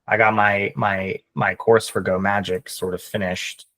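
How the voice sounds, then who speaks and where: Low-pitched man thinking aloud. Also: flat delivery, unhurried, pushed and bright. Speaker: Go teacher. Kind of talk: casual chat and explanation.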